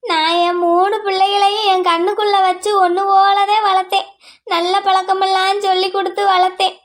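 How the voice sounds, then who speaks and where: A woman voicing an older village mother who cries and laments in a slow, sing-song wail in a cartoon family drama. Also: very high-pitched, little pitch movement, voice pushed up. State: crying. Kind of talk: cartoon voice acting.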